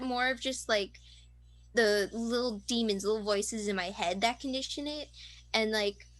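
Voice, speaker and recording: A woman's voice: a little high, fairly bright tone. A nineteen-year-old woman interviewed over a video call, rambling casually with lots of fillers and self-deprecating asides.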